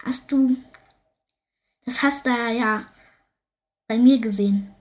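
A woman's voice: a little high, slow pace. A woman voicing a boastful older brother who teases and mocks his sister in a storybook reading. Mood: condescending. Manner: teasing, mocking.

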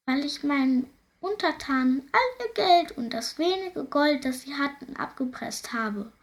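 A woman voicing a sighing, remorseful male ghost of an old squire in a storybook, in a high, plaintive, slow voice. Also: expressive. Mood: mournful.

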